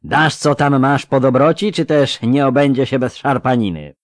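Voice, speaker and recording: A man voicing a lisping highway thug in an audiobook, speaking with a slight lisp and a sneer. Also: expressive, normal speed, no room sound, clean studio sound, close to an everyday voice. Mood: menacing. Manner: sneering, menacing. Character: lisping armed male highway thug, mocking. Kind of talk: audiobook character voice.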